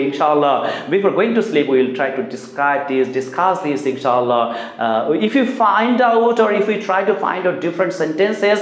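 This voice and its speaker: A man's voice: fairly high pitch, reverberant. A man with a Bangladeshi accent, a native Bengali speaker teaching a spoken English lesson, drilling translations and pleading earnestly with many "uh" fillers.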